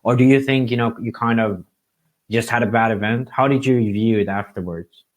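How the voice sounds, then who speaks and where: A man's voice: medium pitch, normal speed. A man from Finland co-hosting a casual podcast, asking long, winding, thoughtful questions. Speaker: co-host. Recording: dull lo-fi sound.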